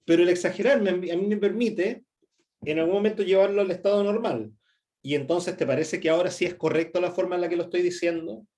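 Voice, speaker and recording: Middle-aged Chilean male instructor, slightly high voice, chatty workshop delivery, constant check-ins and fillers. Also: brisk, darkish tone. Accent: Chilean Spanish. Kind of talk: presentation skills workshop talk.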